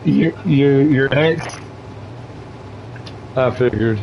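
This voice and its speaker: A man's voice: medium pitch, drawn-out words, vocal fry, highs cut off, a little hiss or hum. Young man streaming, profane and teasing. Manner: profane, teasing, laughing on voice chat. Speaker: gaming streamer. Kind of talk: casual chat while streaming a game.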